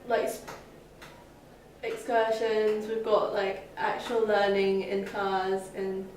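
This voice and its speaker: A seventeen-year-old girl from Hong Kong, a summer school student, answers interview questions with lots of hesitant fillers. Her mid-range voice is a little mellow, and she speaks slowly with a completely flat delivery. The recording has an echoey room, a distant mic, and faint noise.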